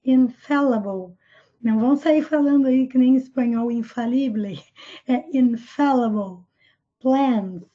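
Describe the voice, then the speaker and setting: Woman teacher going over a comic strip, high mellow voice, kinda dull lo-fi sound. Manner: slow, careful pronunciation of English examples. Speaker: English teacher. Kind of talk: explaining a comic strip in a lesson.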